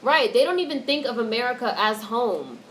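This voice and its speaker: Her voice on the high side, fairly bright and lively in intonation, a woman talks fairly quickly as she reads chat aloud on a casual livestream and answers with blunt, profane opinions. The audio is noisy, with background noise.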